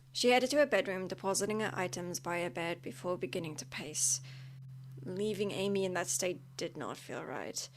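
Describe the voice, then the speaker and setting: A woman reading her own novel aloud in a steady, unpolished storytelling voice. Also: medium pitch. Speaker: amateur audiobook reader. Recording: music playing behind the voice. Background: background music.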